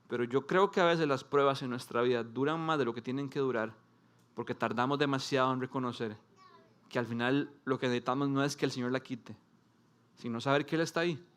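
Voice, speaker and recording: A man preaching a sermon to a congregation, speaking in short emphatic phrases with dramatic pauses and at times rising into animated storytelling. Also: mid-range voice. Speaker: pastor. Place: church service before a congregation.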